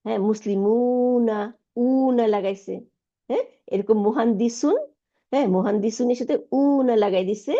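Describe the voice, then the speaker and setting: Woman Arabic teacher, gravelly, patient step-by-step lecture, dull lo-fi recording. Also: a little high, warm tone. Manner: explains step by step, mixing in English terms. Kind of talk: online lecture explaining grammar.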